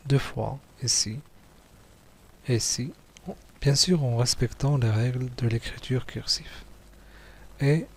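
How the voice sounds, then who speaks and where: Male primary teacher, husky voice, very slow and patient delivery, repeats words. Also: mid-range voice, darkish tone. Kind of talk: slow worksheet walkthrough for young pupils.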